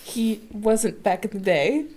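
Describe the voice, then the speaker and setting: A woman co-hosting a casual film-review podcast, cracking quick sarcastic jokes. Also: mid-range voice, a little mellow. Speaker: podcast co-host.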